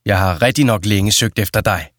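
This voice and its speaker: A man voicing a resolute huntsman in a fairy tale, firm and gruff. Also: on the low side, fairly bright tone, dry recording, studio quality, pitched below the performer's own voice. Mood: stern.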